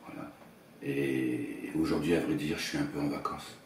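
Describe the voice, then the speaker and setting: A man in his fifties from northern France, a musician and songwriter, answering interview questions in a quiet, low-key voice that trails off. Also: moderate pace, slight background noise. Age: 50s. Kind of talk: soft-spoken interview answers. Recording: echoey room, heard from a distance, guitar music behind.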